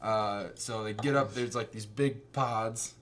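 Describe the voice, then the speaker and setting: A man's voice: lowish voice, fairly even intonation, a little slow, fairly bright tone. A man hosting a casual movie review chat, rambling with fillers and acting out scenes. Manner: rambling, laughing, acts out scenes. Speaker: host.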